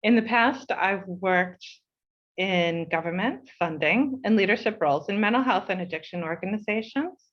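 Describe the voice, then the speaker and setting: The highs are cut off in this recording of a medium-pitched woman from the United States. As board chair, she reads a prepared speech at an online meeting, measured and heartfelt, easing her pace for emphasis.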